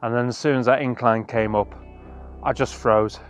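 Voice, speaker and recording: An ordinary mid-pitched man talks into a camera on a monopod while out on a mountain. He is earnest and halting, often poking fun at himself. Faint music plays in the background. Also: fairly even intonation. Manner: earnest, halting, self-deprecating. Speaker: hiking vlogger. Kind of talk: casual walking vlog chat. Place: outdoors on a mountainside.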